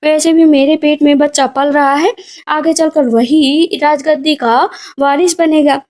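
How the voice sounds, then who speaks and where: Spoiled, vengeful young princess read by a woman narrator, high, mellow tone. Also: fairly even intonation, a little slow. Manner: demanding, pleading and vengeful.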